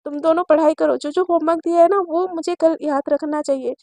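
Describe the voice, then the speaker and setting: A woman's voice: very high-pitched, steady tone, fairly quick, warm tone, no room sound. Woman voicing a stern young teacher. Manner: strict, scolding.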